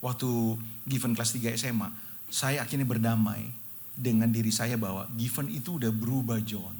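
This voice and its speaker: A man's voice: medium pitch, moderate pace, creaky, darkish tone. A middle-aged male pastor preaching an emotional, storytelling sermon, often addressing the congregation directly. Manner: repeatedly addresses listeners as brothers and sisters.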